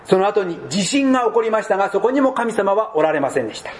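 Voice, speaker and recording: A man with a high-pitched voice gives a deliberate sermon as pastor. He lets his voice sink soft and low to land his points. A faint hum of room ambience sits behind him. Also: sing-song. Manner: slow deliberate preaching, dropping to soft low tones.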